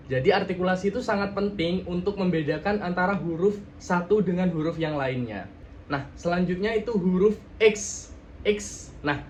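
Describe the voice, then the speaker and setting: A man's voice: fairly high pitch, darkish tone, a little hiss or hum. A young man casually demonstrating letter sounds for an articulation exercise, stretching out sample words and adding playful jokes. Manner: drawn-out demonstration sounds, joking asides. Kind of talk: casual tutorial.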